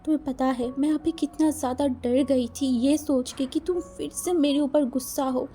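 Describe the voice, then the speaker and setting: A woman's voice: sits high, steady tone, normal speed, dark tone, soft background music, natural voice. A woman voicing a doting young husband who stutters and pleads anxiously. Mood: tender.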